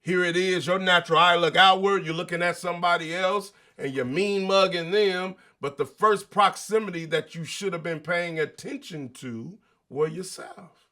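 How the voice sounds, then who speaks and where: A man with a bright, forceful, slightly high voice hosts a motivational monologue. He preaches emphatically in casual slang and keeps throwing rhetorical questions at the listener. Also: moderate pace. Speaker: show host.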